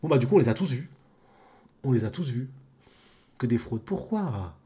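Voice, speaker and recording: A man's voice: mid-range voice, very animated, moderate pace, mellow, breathy edge. A man reading a manga chapter live and reacting in a casual, slangy, joking way with frequent laughs.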